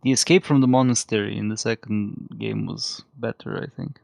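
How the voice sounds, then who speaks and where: A man's voice: lowish voice, moderate pace, gravelly, a little mellow, no echo. A man co-hosting a game stream in casual chat, giving short dry replies and laughing along. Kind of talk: casual let's-play chat.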